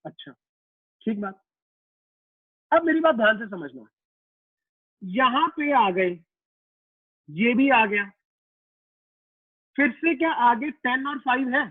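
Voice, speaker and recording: Casual male physics teacher with a very high voice, dry, tinny line, talking through a circuit problem with his class. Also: animated, slow pace, pauses often, no room sound. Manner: repeats himself and voices students' questions to himself; casual, addresses students as "beta" and "yaar". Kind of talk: online class lecture.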